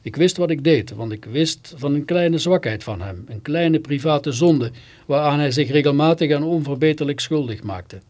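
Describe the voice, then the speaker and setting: A man's voice: fairly high pitch, expressive, normal speed, darkish tone. A man reading a first-person story on literary radio in a theatrical, scornful way, with sudden bitter outbursts.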